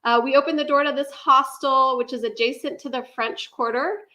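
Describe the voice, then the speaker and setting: A woman guest giving a prepared presentation, measured with frequent ums. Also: high-pitched, fairly even intonation, sharp tone. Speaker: guest speaker.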